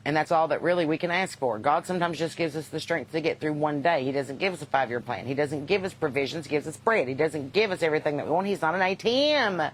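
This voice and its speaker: A woman's voice: deep voice, fast talker, hardly any pauses, a little hiss or hum, rough recording. Folksy Southern woman chatting off the cuff. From Kentucky. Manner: folksy, unpolished, wisecracking. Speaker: host and singer chatting with live viewers. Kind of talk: casual livestream chat.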